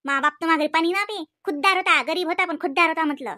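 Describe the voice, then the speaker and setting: A woman's voice: very high voice, quick pace, sharp tone, dry recording, clean studio sound. A woman voicing a scolding middle-aged village mother in a cartoon comedy, speaking with a Vidarbha Marathi accent and nagging with repeated "हा?" tags.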